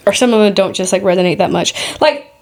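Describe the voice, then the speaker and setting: A woman's voice: mid-range voice, quick pace, darkish tone. A woman in her thirties co-hosting a casual podcast, giving frequent short agreements and reading lists aloud. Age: 30s. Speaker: podcast co-host. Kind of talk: casual chat.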